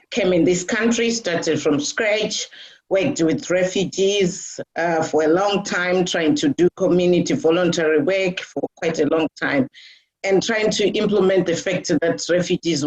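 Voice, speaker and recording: Speaking a little slowly in a lowish voice, a middle-aged woman from Zimbabwe is interviewed as a guest in a casual conversation. She uses many fillers and restarts, and the lo-fi recording sounds dull.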